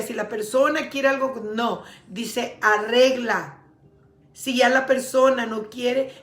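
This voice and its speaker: A woman's voice: on the high side, echoey room. A woman preaching a sermon in a conversational way, often turning to her listeners directly.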